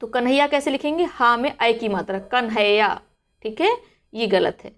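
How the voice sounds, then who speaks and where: A woman teacher with a somewhat high voice runs a spelling drill for exam students. She keeps asking "what is it then?" and answers it herself, saying each word slowly and clearly. Her tone stays patient and steady. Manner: repeats questions and drills words aloud. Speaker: Hindi exam-prep teacher.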